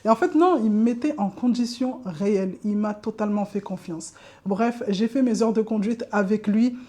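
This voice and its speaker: Warm-voiced woman telling a storytime. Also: mid-range voice. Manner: candid, repeats words for emphasis, lively asides. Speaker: vlogger. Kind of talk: personal storytime to camera.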